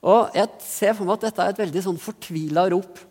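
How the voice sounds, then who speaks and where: A pastor from Norway delivers an earnest, reflective sermon, pressing harder at key phrases. This man's voice sits a little high. A long church reverb trails after his words. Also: a little mellow. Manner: earnest, reflective, with rising emphasis in places.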